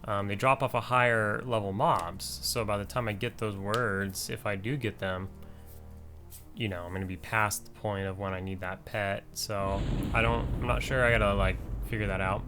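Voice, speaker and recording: A man's voice: fairly low pitch, steady tone, moderate pace, bright, forceful tone, faint music behind. A man giving casual, rambling commentary over his own gameplay, with many fillers and restarts. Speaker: gaming channel host.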